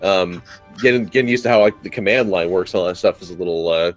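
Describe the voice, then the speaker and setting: Lowish guy on a headset, rambly stories, lots of restarts. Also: fast, faint music behind. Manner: rambling anecdotes full of restarts. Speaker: multiplayer game player and video maker. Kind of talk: casual voice-chat banter.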